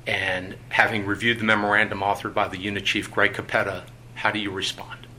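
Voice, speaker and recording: Male investigator on an old interrogation tape: low, monotone, bright-edged delivery, procedural and deliberate. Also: a little hiss or hum, low-quality recording. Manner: reads procedure in a measured, bureaucratic tone with frequent "uh"s. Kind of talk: formal official interview. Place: conference room. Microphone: tabletop recorder.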